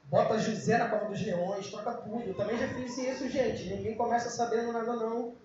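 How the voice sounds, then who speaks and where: A man preaching an informal youth sermon, joking and now and then breaking into shouts. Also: very high-pitched, steady tone, fairly quick, noisy background. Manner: casual, joking, with bursts of shouting. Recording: very echoey, dull lo-fi room sound.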